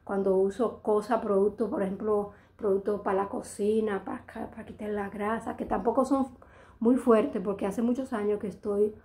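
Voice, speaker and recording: Chatty Dominican woman, mellow voice. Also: mid-range voice, steady tone, moderate pace. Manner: rambling, chatty, frequent restarts. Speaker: vlogger. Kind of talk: casual chat to camera.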